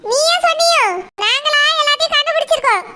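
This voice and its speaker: A short-tempered young cartoon husband who snaps and scolds, voiced by an actor in a very high register. Quick, dismissive delivery over loud background hiss. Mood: scornful. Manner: curt, scolding. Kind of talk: cartoon voice acting.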